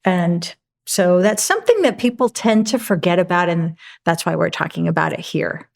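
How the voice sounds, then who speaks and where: Lowish-voiced woman physician explaining. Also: moderate pace. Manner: clear and explanatory. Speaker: physician guest. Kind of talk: explaining on a talk show.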